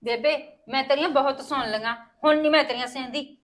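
A woman's voice: sits high, fast, close to an everyday voice. A woman playing a defiant young bride. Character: young bride standing up to her mother-in-law. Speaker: daughter-in-law in comic drama.

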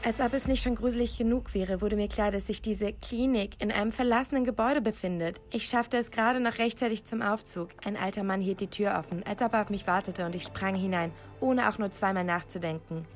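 A woman reading a scripted first-person story aloud, dramatic and emotive, her pitch rising sharply at tense moments. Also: steady tone, fairly quick, hardly any pauses, soft background music.

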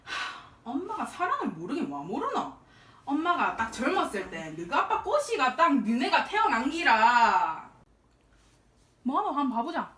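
An actress playing a pushy middle-aged churchgoing mother and wife with a Gyeongsang accent, scolding loudly and sighing aigo. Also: high voice, huge pitch swings, unhurried, reverberant, heavily acted. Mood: teasing. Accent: Gyeongsang Korean. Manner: loud, scolding, exclaims aigo often. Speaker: actor in church drama skit. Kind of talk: stage skit acting.

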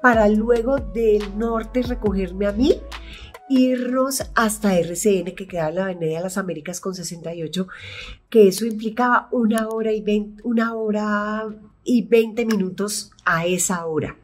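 A woman's voice: mid-range voice, normal speed, darkish tone, faint music behind. Chatty Colombian woman telling stories. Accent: Colombian (Bogotá). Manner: rambling, chatty, acts out her own past voice. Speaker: actress and YouTube host. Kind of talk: casual storytelling vlog.

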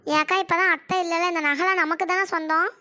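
A woman's voice: very high voice, fairly even intonation, quick pace, bright, forceful tone. A woman voicing a naive, whiny younger daughter-in-law in a cartoon comedy, with a childlike manner. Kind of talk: cartoon voice acting.

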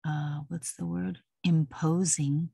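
A woman's voice: low-pitched, flat delivery, slow, gravelly, dark tone, slightly rough, no echo, studio quality. A middle-aged woman talking casually and rambling, laughing now and then. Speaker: vlogger. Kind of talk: casual personal talk.

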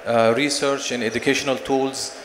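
A man in his forties, a company director, giving a conference sales pitch and answering questions with many fillers and restarts into a handheld mic. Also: level tone, normal speed. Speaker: company managing director presenting. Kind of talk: conference presentation and Q&A. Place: large expo stage hall. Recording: long hall reverb, faint noise.

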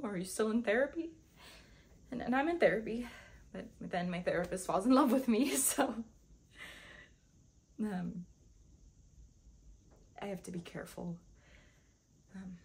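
Husky, melancholy young woman, acted by a woman. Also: mid-range voice, a little mellow. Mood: exasperated. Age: young adult. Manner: melancholy, halting and wistful, with nervous laughter breaking through. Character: melancholy, lovesick young woman who suffers openly. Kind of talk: dramatic stage monologue performance. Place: small plain room, indoors.

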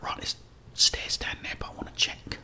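A middle-aged man whispers breathy ASMR commentary while playing a video game, playfully talking to the characters. His tone is bright and forceful, at a moderate pace.

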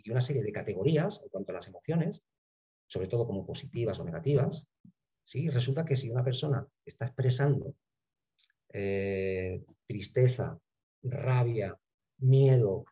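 Man, middle-aged, parent trainer, mellow and husky, checks in with the audience, muffled lo-fi sound. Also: mid-range voice. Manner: lively, asks "¿sí?" and "¿vale?" often, acts out little scenes. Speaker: emotional education trainer.

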